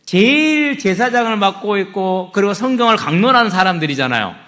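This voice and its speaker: A man's voice: high voice, lively intonation, a little fast, bright, forceful tone. A middle-aged male pastor, preaching a story-driven sermon and asking his congregation questions. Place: church sanctuary. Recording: echoey church hall.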